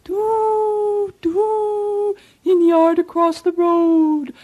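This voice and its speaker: A woman's voice: very high voice, flat delivery, drawn-out words, noisy background, voice pushed up, exaggerated voice. A woman voicing a flock of gossiping pigeons that coo their story in a storybook reading. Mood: eager. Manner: cooing, sing-song.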